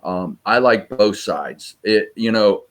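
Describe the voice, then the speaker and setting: Low-voiced man explaining sonar searches. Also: lively intonation. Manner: practical, explanatory, measured. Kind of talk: interview answers.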